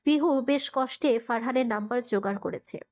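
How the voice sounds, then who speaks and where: A woman narrating a Bengali audio romance story in a steady storytelling manner. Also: fairly high pitch, normal speed.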